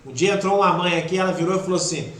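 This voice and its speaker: A man's voice: high voice, racing. Emotional man preaching in an echoey hall. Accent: Brazilian Portuguese. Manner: emotional, swings between loud urging and soft near-whisper. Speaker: spiritist lecturer. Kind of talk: devotional talk. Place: spiritist center hall. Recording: echoey hall with faint background noise.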